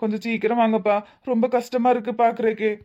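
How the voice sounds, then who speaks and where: A woman's voice: on the high side, flat delivery, dark tone, natural voice. A woman voicing an anxious young husband who fires off worried questions, in a Tirunelveli Tamil accent. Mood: worried, fussing. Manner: fretful, rapid worried questions. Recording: slightly muffled lo-fi audio.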